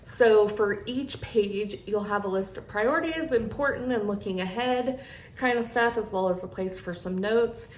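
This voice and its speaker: Speaking at a medium pitch and moderate pace, a woman hosting her beauty channel chats casually with viewers, rambling in a friendly way. Her retainer gives her a slight lisp, and the recording has an echoey room and noticeable background noise.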